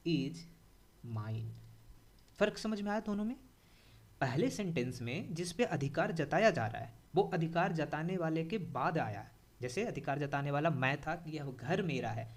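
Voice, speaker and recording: Animated Indian man teaching grammar. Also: on the high side. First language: Hindi. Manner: repeats key points, asks the class questions, animated. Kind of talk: classroom grammar lesson.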